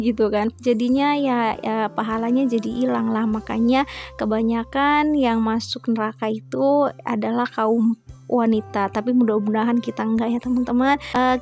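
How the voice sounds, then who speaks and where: A woman's voice: a little high, a little mellow. A young homemaker woman narrating her daily vlog in a chatty, confiding way, full of little filler tags. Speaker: homemaker vlogger. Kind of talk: casual voice-over vlog narration.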